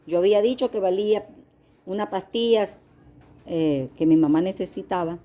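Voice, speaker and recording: A woman's voice: medium pitch, normal speed, dark tone. A middle-aged woman giving an earnest, confessional sermon-style testimony as a lay preacher, speaking to her listeners as beloved.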